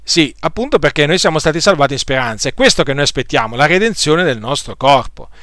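A man preaching a sermon to his congregation in a deliberate way, often pausing on hesitation fillers and repeating phrases. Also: fairly high pitch, animated, fairly bright tone, dry recording, studio quality.

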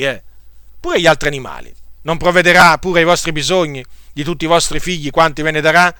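A man's voice: a little high, sharp tone, no echo, studio quality. A man preaching a sermon to his congregation, asking rhetorical questions and urging them on. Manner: rhetorical questions, emphatic exhortations.

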